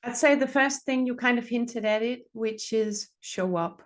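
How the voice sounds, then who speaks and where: With a slightly high voice and no rush, a middle-aged therapist from Denmark counsels listeners as a podcast guest. She specializes in relationships and speaks earnestly, echoing certain phrases to stress them.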